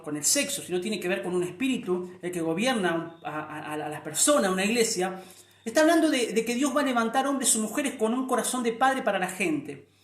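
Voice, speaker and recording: A man's voice: high-pitched, reverberant. A middle-aged man preaching a sermon, earnest, often repeating words and restarting before lifting his voice on key phrases.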